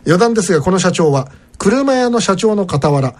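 A man hosting a casual radio show, reading a letter aloud with animated asides. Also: high voice, normal speed.

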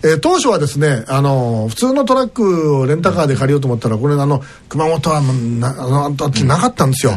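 A man hosting a casual radio show, reading a letter aloud with animated asides. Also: a little high, fast talker, few pauses.

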